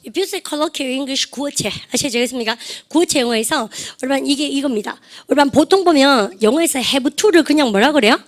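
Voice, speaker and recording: A middle-aged woman with a high voice gives an English lesson in a classroom. She teases her students and keeps tossing them quick questions. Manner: lively, teasing, asks the class many quick questions. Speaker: English teacher. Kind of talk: classroom lecture.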